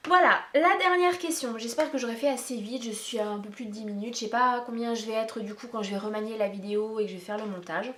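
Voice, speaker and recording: Quick, with few pauses, this beauty vlogger's voice is on the high side, fairly even in intonation and a bit bright. She chats casually and at length through a makeup tag vlog, addressing viewers directly while meandering. The recording has a roomy echo plus a little hiss or hum.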